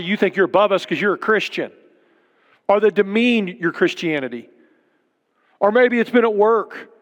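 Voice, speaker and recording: A middle-aged man preaches with earnest, emphatic conviction, driving his points home through repetition. His voice sits high for a man and rings out with a long reverb trail, as in a church sanctuary. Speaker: pastor. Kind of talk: sermon.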